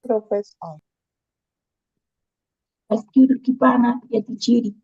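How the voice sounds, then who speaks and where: A woman student giving short, slow replies in an online class. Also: a little high, steady tone, a little mellow, husky, no echo, dull audio.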